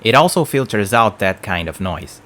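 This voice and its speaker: A man's voice: on the low side, big pitch swings, moderate pace, a bit bright. A man giving a plain, explanatory product review at his home work desk, speaking into a desk mic on an arm. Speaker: tech reviewer.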